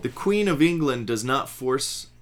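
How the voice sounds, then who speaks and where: Man, pastor, teacherly, confident, asks rhetorical questions, mid pitch. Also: animated, a little slow. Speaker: pastor, podcast co-host. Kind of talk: casual theological discussion.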